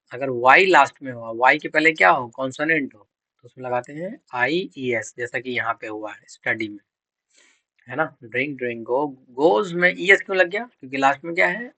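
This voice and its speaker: A man's voice: mid-range voice, bright, forceful tone, no room sound, rough recording. A man teaching English grammar for exam prep. He quizzes students, answers his own questions and spells out words letter by letter.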